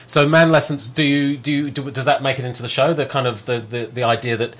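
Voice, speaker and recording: A man hosts a casual interview, his long, searching questions rambling and circling back with many restarts. His voice is medium-pitched, steady and a bit bright, and he talks at a quick pace.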